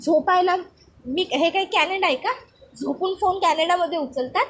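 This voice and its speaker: A fiery, proud young woman, voiced by a woman narrator, hurling indignant insults in a very high voice. Faint ambience sits behind her. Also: normal speed, a bit bright, a little hiss or hum. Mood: sharp.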